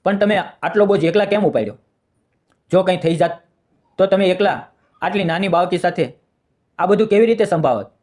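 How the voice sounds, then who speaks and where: A man's voice: sits high, normal speed, long pauses, a little mellow, natural voice. A man reading the lines of a kind young village rickshaw driver, earnest and reassuring.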